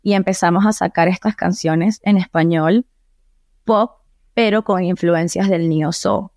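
A young Venezuelan woman from Caracas, a singer chatting as an interview guest, telling stories in a lively way and dropping English phrases into her Spanish. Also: fairly low pitch, a little slow, dry recording, studio quality. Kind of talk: casual interview chat.

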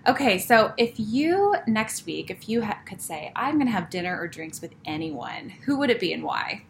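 A woman's voice: mid-range voice, big pitch swings, normal speed, gravelly, slight background noise. A woman hosting a podcast, friendly and encouraging, with many short affirmations. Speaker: podcast host. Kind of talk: casual interview chat.

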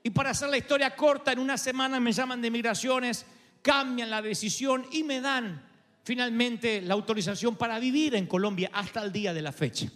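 A man's voice: very high voice, brisk. A man with an Argentine accent preaching a sermon, telling a story with animation and acting out the voices of the people in it. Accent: Argentine Spanish. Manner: animated, acts out quoted voices. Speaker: pastor. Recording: reverberant hall with soft music.

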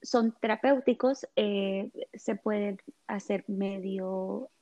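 A woman, a guest, talking in a gentle, hesitant way with many fillers, explaining in casual conversation. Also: medium pitch, steady tone, slow. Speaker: guest on chakras and essential oils.

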